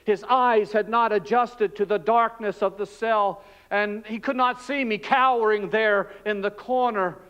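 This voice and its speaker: A pastor acting out Barabbas, a frightened freed male prisoner, in an emotional, hushed and halting dramatic monologue in a church. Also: high voice, fairly even intonation, smooth. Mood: tense. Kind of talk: dramatic first-person monologue. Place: church sanctuary.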